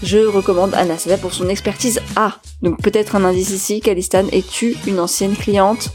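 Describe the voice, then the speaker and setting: A chatty, laughing woman hosts her podcast, her voice at a medium pitch and full of little fillers. Soft music sits faintly behind her. She talks easily and informally to her listeners. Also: steady tone, moderate pace. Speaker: podcast host. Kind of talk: podcast interview.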